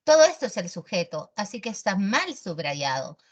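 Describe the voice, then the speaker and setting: A woman teaching an online grammar class in a lively, teasing, slangy way. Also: mid-range voice, normal speed.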